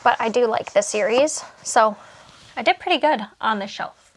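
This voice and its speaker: A young woman talks casually through her bookshelves at home, rambling with asides and fillers. She sounds a little out of breath at times, as in a relaxed home vlog. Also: on the high side, moderate pace. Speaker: booktuber.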